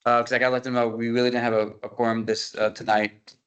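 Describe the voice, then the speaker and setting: A man organizing a committee meeting, explaining matters in a casual way, often halting and repeating words as he talks. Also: medium pitch, little pitch movement, a bit bright, smooth, dull audio.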